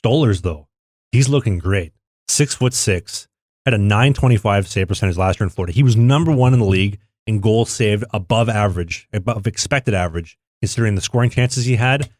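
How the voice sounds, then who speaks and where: Man, quick talker, dry close mic, rattles off hockey stats, casual podcast chat. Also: fairly low pitch, darkish tone, no echo. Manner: rattles off player stats and heights. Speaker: podcast co-host.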